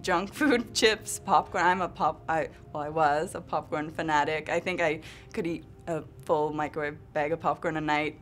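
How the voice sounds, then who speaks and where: A woman's voice: low voice, fairly even intonation, normal speed, hardly any pauses, a little hiss or hum. A woman in her twenties with an Australian accent, chatty and self-mocking in an interview. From Western Australia. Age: 20s. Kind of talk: interview testimony.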